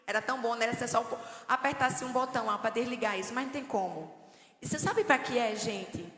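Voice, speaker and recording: Woman preaching, highish voice, big echoey church hall, lots of stories n jokes. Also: a little fast. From Northeast Brazil. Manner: lively, storytelling with humor. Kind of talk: sermon.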